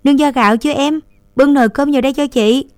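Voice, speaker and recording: A woman voicing a caring eldest sister in a story who soothes and gives brisk orders. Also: on the high side, dark tone, no echo, clean studio sound, voice pushed up, close to an everyday voice. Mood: busy. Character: caring eldest sister, gentle but firm.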